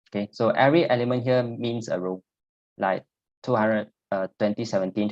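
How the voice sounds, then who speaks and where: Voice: medium pitch, a little mellow. Singlish-speaking instructor, dull lo-fi sound. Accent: Singaporean or Malaysian English. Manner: Singlish, ending phrases with "lah". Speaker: programming instructor. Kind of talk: informal technical tutorial, explaining step by step.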